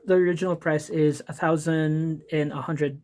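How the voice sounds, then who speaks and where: There's a faint hiss or hum as a Filipino-accented man from the Philippines talks through an art supplies vlog. His voice sits on the high side with little pitch movement, a moderate pace, and a slightly mellow quality, and he rambles, says um a lot, fixes his own words, and apologizes in passing.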